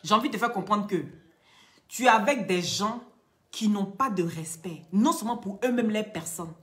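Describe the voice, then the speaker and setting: A woman talking casually to her viewers, animated and scolding, going from loud outbursts to quiet pleading. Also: medium pitch, normal speed. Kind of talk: casual chat, addressing viewers.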